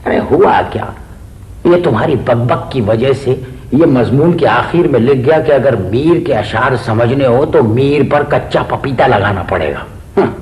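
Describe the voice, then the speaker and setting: An actor playing a pompous aging poet who loves praise, speaking in a theatrical, exclaiming way in a comic stage play. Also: male voice, mid-range voice, expressive, measured pace, a little mellow, echoey room, a little hiss or hum, natural voice. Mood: grumbling.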